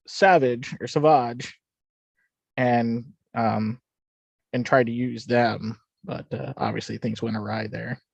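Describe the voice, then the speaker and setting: A man's voice: medium pitch, monotone, unhurried, gravelly, breathy edge, no echo, muffled recording. A man co-hosting a casual watch-along livestream, explaining lore with plenty of fillers and restarts. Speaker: podcast co-host.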